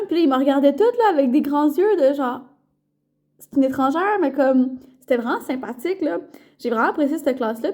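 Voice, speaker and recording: A young woman with a Québécois accent talks casually to her camera in a vlog. Her voice sits high and sounds mellow and soft-edged. She rambles loosely, circling back with fillers and restarts. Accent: Québécois French. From Quebec. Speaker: vlogger and student intern.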